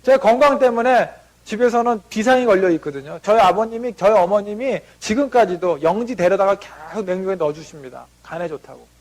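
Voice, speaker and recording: A man's voice: high-pitched, brisk, hardly any pauses. A man giving a motivational seminar talk before an audience, telling family stories and acting out what relatives said. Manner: anecdotal, acts out family members' lines in quotes.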